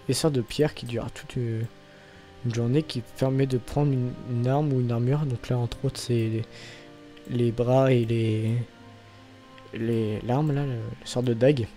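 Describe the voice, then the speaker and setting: A young man talks through his gameplay in a relaxed, rambling way, swearing casually and waving points off with a quick "anyway". His voice is soft and mellow. Faint game music sits behind him. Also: mid-range voice. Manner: rambling, swears often, trails off with "bref". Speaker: gaming channel host. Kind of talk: casual let's-play commentary.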